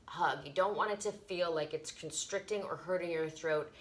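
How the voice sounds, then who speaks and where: A middle-aged woman giving casual yoga instruction as a teacher, explaining informally with soft emphasis and little pauses, recorded in a living room by a camera a few feet away. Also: lowish voice. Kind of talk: casual instructional talk, guided breathing demonstration. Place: carpeted living room, indoors.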